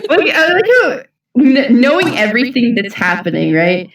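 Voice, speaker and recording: A woman chatting casually in a fan discussion, animated and giggly. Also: on the high side, moderate pace, a little hiss or hum. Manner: animated and giggly, reads comic lines aloud. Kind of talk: casual chat. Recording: roomy echo from far mic.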